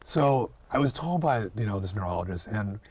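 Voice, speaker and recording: Low-voiced hesitant man in his forties. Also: lively intonation, a little fast, a little mellow, slightly rough. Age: 40s. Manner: hesitant, many fillers and restarts. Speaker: acupuncturist guest. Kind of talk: reflective interview talk.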